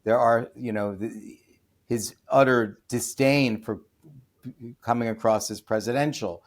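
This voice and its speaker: An American author appearing as a podcast guest gives opinionated interview answers full of restarts and fillers before erupting into loud, scornful emphasis. His voice is medium-pitched, with a steady tone and measured pace.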